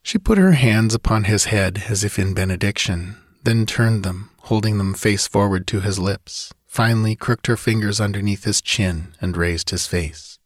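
A man's voice: on the low side, moderate pace, few pauses, dry recording. Man narrating a story, dry close sound. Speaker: audiobook narrator. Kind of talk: scripted narration.

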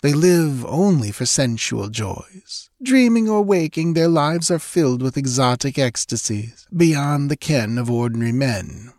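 A man's voice: mid-range voice, expressive, unhurried, hardly any pauses, a little mellow, no room sound, studio quality, pitched above the performer's own voice. A man reading aloud and voicing a seductive, lazily mocking Stygian woman. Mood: languid boasting. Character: sultry scheming Stygian woman, mocking and languid.

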